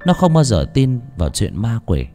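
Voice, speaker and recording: A man narrating a serialized novel in an expressive, dramatic storytelling manner. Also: mid-range voice, normal speed. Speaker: audiobook narrator. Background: faint background music.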